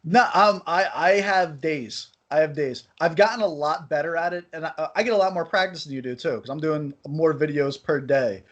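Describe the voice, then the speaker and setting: A man's voice: a little high, moderate pace, few pauses. A man interviewing a guest in a loose, casual chat, swearing freely, heard remotely over an online voice-chat call. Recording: dull lo-fi voice-chat audio.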